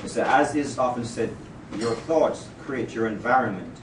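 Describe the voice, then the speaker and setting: A man speaks at an indoor office farewell party, chatty and informal, repeating himself here and there. He stands well back from the microphone in a roomy space. Steady background noise runs under his voice. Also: medium pitch, normal speed, far from the mic. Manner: chatty, laughs between phrases, repeats words. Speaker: colleague giving a farewell speech. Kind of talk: informal farewell speech, partly read aloud.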